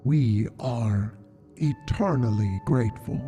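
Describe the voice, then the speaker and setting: A woman voicing a giant, ancient male snail patriarch through a voice changer, speaking in slow, deliberate, halting words. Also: mellow. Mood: solemn. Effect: voice changer deepening the voice. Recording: muffled, with music behind.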